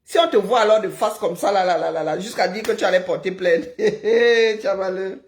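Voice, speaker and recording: A woman's voice: mid-range voice, moderate pace. A woman in a heated online argument, mocking and taunting her opponent. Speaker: live stream participant.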